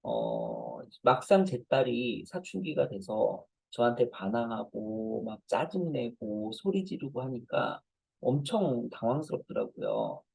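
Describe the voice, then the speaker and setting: Man in his forties lecturing parents as a professor, dark and husky, anecdotal and self-deprecating. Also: mid-range voice, wildly swooping pitch, unhurried, no room sound, poor audio. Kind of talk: conversational lecture.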